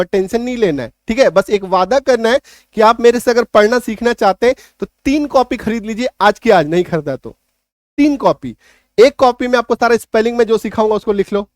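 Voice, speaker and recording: A man teaching an online spelling lesson in English, emphatic, slowly drawing out example words and checking often that students follow. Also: high-pitched, no room sound, studio quality. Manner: emphatic, repeats key points with rhetorical checks.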